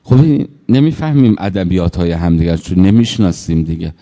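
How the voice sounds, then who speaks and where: A man with a low, mellow voice gives a sermon full of anecdotes, slipping into the voices of the people in his stories. His words ring out with a long reverb, as if spoken in a large hall. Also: lively intonation. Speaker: preacher.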